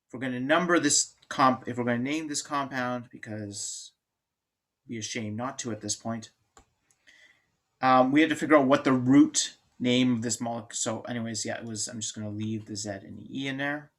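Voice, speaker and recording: A man's voice: medium pitch, normal speed. A man lecturing on chemistry in an informal, joking way, thinking aloud and restarting sentences. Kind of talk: classroom lecture.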